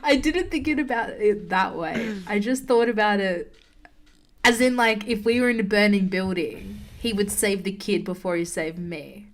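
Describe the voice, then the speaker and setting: A woman's voice: medium pitch, moderate pace. A woman in her early twenties co-hosting a podcast, chatting casually, laughing often and speaking with emphasis. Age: early 20s. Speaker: podcast co-host. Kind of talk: casual chat.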